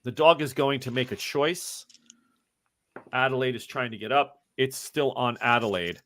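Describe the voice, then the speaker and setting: A man's voice: mid-range voice, moderate pace, fairly bright tone. A man running a tabletop game as game master, narrating and calling rules in a casual, rambling way. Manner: casual, rambling rule calls with fillers.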